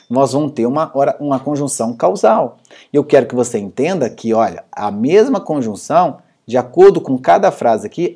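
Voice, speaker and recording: A woman's voice: deep voice, warm tone, slightly rough. A woman teaching a grammar lesson online, explaining step by step and often checking that the viewer follows. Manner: explains with frequent checks like "tá?" and "legal?".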